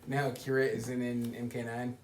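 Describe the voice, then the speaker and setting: A young man co-hosting a casual gaming chat, telling lively stories and laughing often. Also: medium pitch, fast talker. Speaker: podcast co-host. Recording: roomy echo, faint noise.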